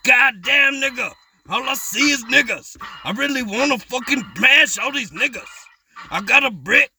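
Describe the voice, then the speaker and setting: A man's voice: extremely high pitch, moderate pace, bright, forceful tone, slight background noise. A young man taunting others in an online voice chat, mocking and provocative. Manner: taunting, mocking, repeats "bro" constantly.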